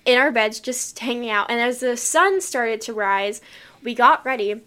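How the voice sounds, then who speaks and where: A young woman chatting casually and telling stories in an animated way, acting out what was said. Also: on the high side, moderate pace. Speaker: sibling vlog host. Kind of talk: casual chat and storytelling.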